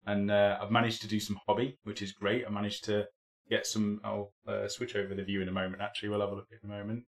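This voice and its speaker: Still tired from a recent cold, a young man rambles through a live hobby stream in loose, chatty talk full of ums and false starts. He speaks fast in a fairly low monotone.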